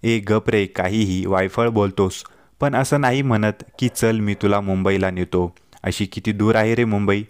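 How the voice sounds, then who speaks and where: A man's voice: lowish voice, steady tone, unhurried, clean tone, lightly acted. A man voicing a teasing young wife. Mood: playful. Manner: playful, pleading. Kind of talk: storytelling dialogue.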